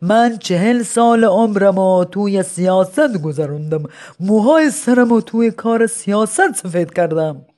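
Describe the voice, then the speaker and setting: A reader voicing an old man, a retired politician, who speaks slowly in flowery formal phrases. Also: medium pitch, lively intonation, a little mellow, close to an everyday voice. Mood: wistful. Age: older. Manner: slow, flowery, formal address.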